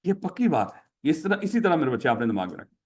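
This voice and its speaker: A man's voice: a little high, sing-song, quick pace. A man with a Pakistani Urdu accent lecturing a class, repeating each question to drill it in and calling his students "my child".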